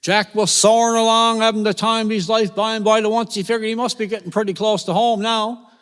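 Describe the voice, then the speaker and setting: A man with a Newfoundland accent telling a folk tale live at a concert, lively and folksy. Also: high-pitched, a little fast, clear, resonant tone. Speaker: storyteller. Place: concert venue, with audience. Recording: reverberant live concert hall.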